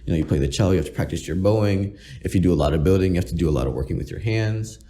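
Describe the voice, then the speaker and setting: Young male co-host, deep warm voice, confident and explanatory. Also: rapid-fire. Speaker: podcast co-host. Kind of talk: casual reflective chat.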